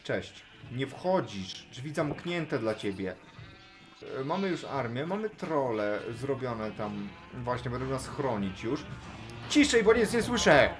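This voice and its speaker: A man commentating his own Minecraft play in casual, chatty talk, chatting to the animals and now and then shouting with excitement. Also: medium pitch, takes it slowly, over music. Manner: chatty, talks to animals in game, bursts of excited yelling. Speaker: gaming YouTuber.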